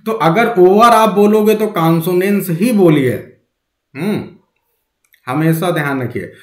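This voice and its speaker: Guy teaching poetry online, kinda high voice, echoey room, keeps asking the class questions. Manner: coaxing, quizzes students, mixes English terms into Hindi. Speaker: English literature teacher.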